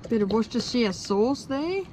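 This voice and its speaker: Relaxed Australian woman vlogging outdoors. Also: a little high, normal speed. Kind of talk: casual camping chat. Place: outdoor beach campsite. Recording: outdoor camera with clear background noise.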